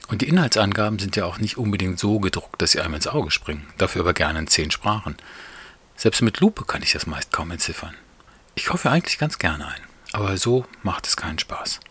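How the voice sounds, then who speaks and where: A man voicing an exasperated married man who complains about shopping in an animated, slightly naive way. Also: deep voice, fairly quick, husky, heavily acted. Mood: complaining.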